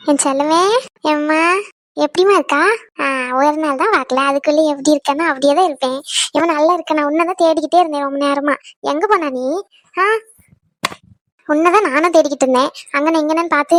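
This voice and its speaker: A woman plays a cartoon mother of the bride who fusses and chatters affectionately over her family. Her voice is high, and the recording is dry and close. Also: fairly bright tone, no echo. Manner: fussing, affectionate. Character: middle-aged mother of the bride, fussing and talkative.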